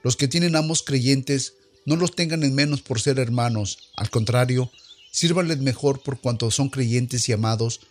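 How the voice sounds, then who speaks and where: A man reading scripture aloud in a solemn, measured, declamatory way. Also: mid-range voice, faint music behind. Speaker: scripture reader.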